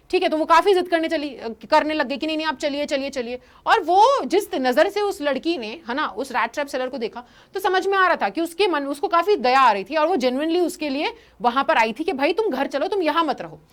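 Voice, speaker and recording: A young woman teaching an English story lesson, telling it in a lively way and slipping into voices for the quotes. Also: high-pitched.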